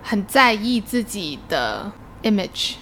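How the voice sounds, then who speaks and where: A woman's voice: mid-range voice, very animated, takes it slowly, fairly bright tone, slight background noise. A woman hosting a casual conversational discussion, asking questions and dropping English words into her Mandarin.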